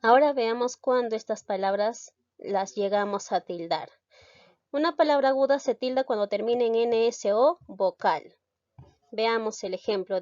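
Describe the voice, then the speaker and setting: In a recorded grammar lesson, a woman teacher explains the rules step by step and poses rhetorical questions along the way. Her mid-range voice has a darkish tone, captured in a dry, slightly dull recording with no echo.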